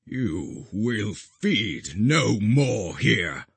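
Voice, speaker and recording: A man voicing a stern male guardian mage who speaks slowly and solemnly. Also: lowish voice, very animated, gravelly, breathy edge, dry recording, full character voice. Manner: slow, solemn, measured.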